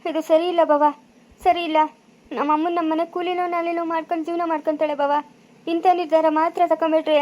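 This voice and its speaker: A woman's voice: very high voice, little pitch movement, fairly quick, warm tone. A woman playing a pleading young village man. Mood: protesting. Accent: rural Chikkaballapura Kannada. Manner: pleading, protesting. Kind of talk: amateur village family drama.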